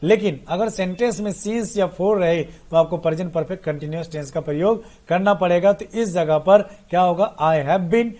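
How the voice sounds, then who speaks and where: A man's voice: sits high, normal speed, hardly any pauses, darkish tone. A male teacher with a Bihari accent giving an exam-prep grammar lesson, explaining through repeated rhetorical questions.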